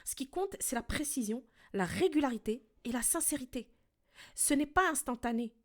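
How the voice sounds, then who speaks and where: Woman podcast host coaching the listener, calm and direct, bit high voice that moves around a lot. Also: moderate pace. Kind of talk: scripted podcast monologue addressing the listener.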